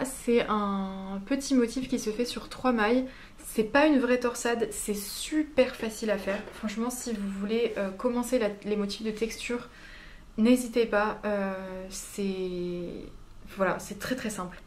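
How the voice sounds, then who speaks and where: A woman's voice: a little high, measured pace. A woman chatting casually in her knitting vlog, talking easily with many fillers and self-corrections. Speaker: knitting vlogger. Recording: roomy echo, faint background hum.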